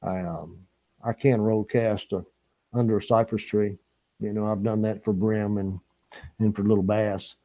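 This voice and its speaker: Low mellow guy rambling on his fishing live stream, chuckles a lot, reads out chat. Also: flat delivery, measured pace, poor audio. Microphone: small camera mic or lapel.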